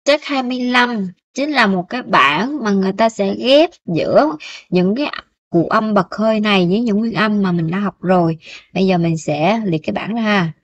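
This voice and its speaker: A woman's voice: mid-range voice, normal speed, highs cut off. A Vietnamese woman teaching a beginner Korean lesson, patiently repeating each syllable for students to copy.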